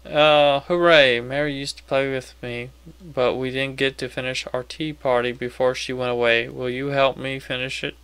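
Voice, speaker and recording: A man's voice: mid-range voice, fairly even intonation, normal speed, a bit bright, clean tone, no room sound, natural voice. A man voicing a childlike talking girl doll, eager to play, while reading video game dialogue. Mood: wistful, playful.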